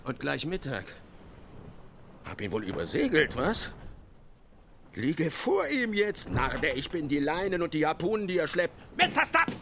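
An actor playing an obsessed, commanding old whaling captain in a radio drama, theatrical and brooding. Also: male voice, on the high side, wildly swooping pitch, measured pace, sharp tone, slight background noise, exaggerated voice. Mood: restless, self-reproaching. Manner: theatrical, swinging from brooding murmurs to barked orders.

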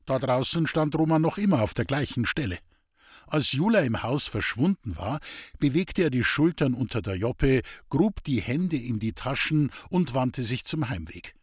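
A man narrating a classic novel in an expressive, scripted reading style. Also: mid-range voice, normal speed, husky, no room sound, studio quality. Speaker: audiobook narrator.

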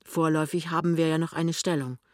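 A man's voice: fairly high pitch, flat delivery, quick pace, dry recording, lightly acted. An anxious young salesman husband, as a male reader voices him talks hesitantly and grumbles. His voice stays close to the reader's own. The sound is dry and close to the mic. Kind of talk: audiobook dialogue reading.

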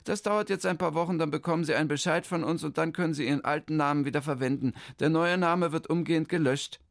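A man voicing a fussy, brisk female office clerk in a children's story. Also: a little high, gravelly, dry recording, clean studio sound, voice pushed up. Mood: officious. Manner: brisk bureaucratic chatter.

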